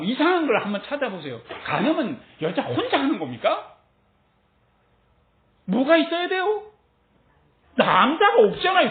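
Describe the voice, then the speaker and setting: A woman teaching a Bible passage in a sermon style, asking her listeners many rhetorical questions and laughing lightly between phrases. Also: medium pitch. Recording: tinny phone-like sound with roomy echo.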